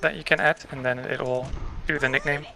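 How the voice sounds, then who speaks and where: Bright-voiced German-accented man. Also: medium pitch, little pitch movement, fairly quick, creaky. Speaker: voice chat guest.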